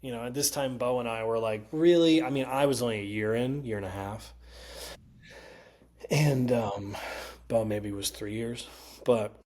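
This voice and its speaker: A male comedian with a Connecticut accent telling animated, profane stories in casual chat and mimicking other people's voices. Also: mid-range voice, unhurried. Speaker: comedian guest. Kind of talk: casual storytelling.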